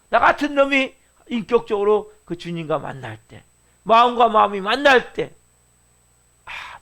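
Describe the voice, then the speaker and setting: A man's voice: high voice, vocal fry, fairly bright tone. A middle-aged man preaching a dawn service sermon, emphatic and full of rhetorical questions to the congregation. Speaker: pastor.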